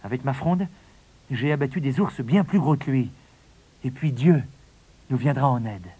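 A man voicing a fearless young shepherd boy who speaks calmly in a storybook reading. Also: mid-range voice, normal speed, breathy edge. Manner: calm, steady.

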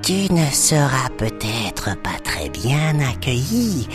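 A woman voicing a wise, kindly old female snake who speaks slowly and thoughtfully in a children's story. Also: a bass voice, sing-song, music in the background, exaggerated voice. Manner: slow, thoughtful, gently scolding. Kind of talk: storybook acting.

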